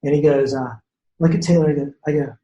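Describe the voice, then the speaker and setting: A man's voice: on the high side, fairly quick, slight background noise. A man from the Shreveport area of Louisiana, a podcast guest telling casual stories with lots of fillers and restarts. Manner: animated storyteller, many fillers and restarts. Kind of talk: casual storytelling chat. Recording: roomy echo.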